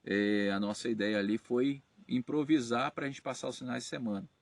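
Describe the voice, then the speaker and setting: A man's voice: mid-range voice, steady tone, normal speed, no room sound. A Brazilian man hosting his channel, casually answering viewer comments with many fillers and self-corrections. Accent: Brazilian Portuguese. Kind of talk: casual talk to camera.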